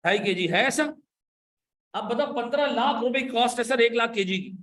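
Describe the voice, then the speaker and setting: A man giving an accounting lecture, animated and coaxing, pressing his students with repeated questions and playful scolding. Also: very high voice, normal speed, reverberant. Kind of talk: classroom lecture.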